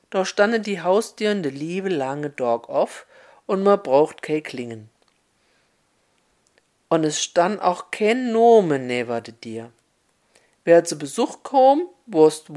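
Slow, low-voiced Hessian storyteller woman. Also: big pitch swings, mellow. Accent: Upper Hessian dialect. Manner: slow, homely storytelling in dialect. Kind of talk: fairy tale narration.

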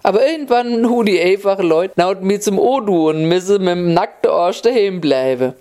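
A woman telling a folk tale in Upper Hessian dialect, in a homely, unhurried way. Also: medium pitch, expressive, mellow. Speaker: storyteller.

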